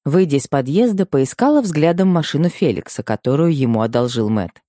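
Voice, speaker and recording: A man reading a first-person story aloud as an audiobook narrator, with expressive storytelling. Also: on the high side, a little fast, no echo, studio quality. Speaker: audiobook reader.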